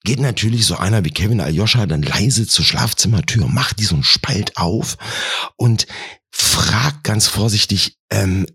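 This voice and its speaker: Husky low-voiced male storyteller. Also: lively intonation, moderate pace, bright, forceful tone, dry recording, studio quality. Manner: wry, acts out the characters. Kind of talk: comedic storytelling.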